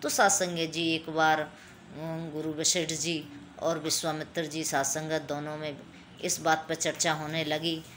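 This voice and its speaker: A woman's voice: deep voice, level tone, a little slow, fairly bright tone, slight background noise. A woman giving a devotional talk to a congregation, telling a religious story and addressing her listeners again and again. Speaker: satsang speaker.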